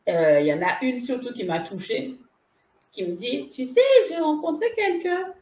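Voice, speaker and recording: Telling a personal story as a guest, a spiritual medium speaks casually with a fairly high pitch at normal speed, in an echoey room. Animated throughout, she repeats phrases and laughs while she tells it.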